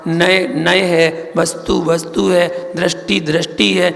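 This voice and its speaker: A man, a Jain monk, giving a sermon, teaching slowly with repeated phrases and questions to his listeners. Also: high voice, level tone, vocal fry, fairly bright tone, big-room sound. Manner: slow, repetitive teaching with questions to the audience.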